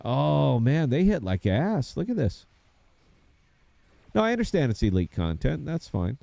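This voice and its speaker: A man's voice: mid-range voice, sing-song, measured pace, creaky, warm tone, dry recording. A man, chatting casually to viewers while he plays a game. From United States. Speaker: game streamer. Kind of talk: casual gameplay commentary.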